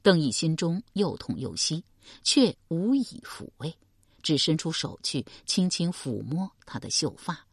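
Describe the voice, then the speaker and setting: Expressive female audiobook narrator. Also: deep voice, measured pace, breathy edge, dry recording, clean studio sound. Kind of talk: scripted narration.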